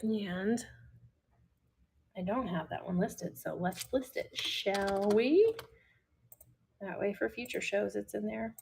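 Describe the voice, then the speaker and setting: Midwestern woman host, relaxed slow livestream seller who chats to herself. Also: medium pitch, gravelly, a little hiss or hum. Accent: Midwestern American. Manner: chatty, talks to herself while listing items. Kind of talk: casual livestream selling.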